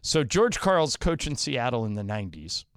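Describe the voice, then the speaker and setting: A man co-hosting a sports talk radio show, telling stories with animated delivery in a studio. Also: medium pitch, moderate pace, smooth, dry recording. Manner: animated storyteller, acts out quotes. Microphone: studio microphone.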